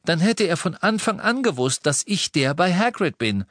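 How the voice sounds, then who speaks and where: A man's voice: sits high, sing-song, moderate pace, fairly bright tone, dry recording, pitched above the performer's own voice. A man voicing a shaken, defiant teenage boy wizard arguing his case. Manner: defiant, agitated pleading.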